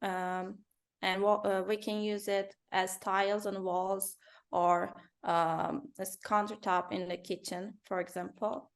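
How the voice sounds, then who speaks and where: A woman from Turkey, a company founder and designer, answering interview questions in careful English with many pauses and fillers. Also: mid-range voice, level tone, creaky. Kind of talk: business interview.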